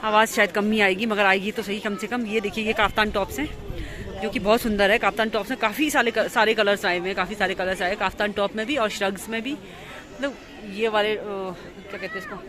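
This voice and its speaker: Fast-talking Indian woman vlogging outdoors. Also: mid-range voice. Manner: chatty, repeats herself, points things out to viewers. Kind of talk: casual vlog narration. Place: outdoors in a busy market street. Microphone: phone camera without external mic. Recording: crowded outdoor street noise. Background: crowd and passing vehicles.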